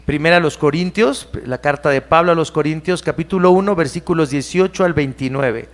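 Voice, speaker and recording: A man with a Mexican Spanish accent preaching a sermon as pastor in church, animated, at times mimicking churchgoers. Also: a little high, a little fast.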